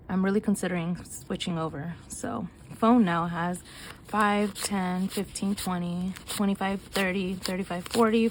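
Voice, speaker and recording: In a casual budgeting vlog, a young woman counts bills aloud in fast, chatty bursts, her medium-pitched voice a little mellow. She's nasal and short of breath from illness, and there's slight background noise.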